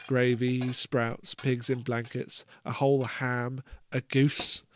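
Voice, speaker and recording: A man reading a first-person story aloud with a measured, wry delivery. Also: medium pitch, slight background noise. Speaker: narrator.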